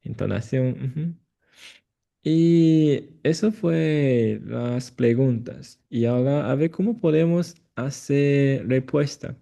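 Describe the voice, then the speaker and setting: A man's voice: mid-range voice, takes it slowly, creaky, mellow. A man teaching a language lesson, patient and prompting with frequent affirming murmurs. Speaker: Chinese teacher.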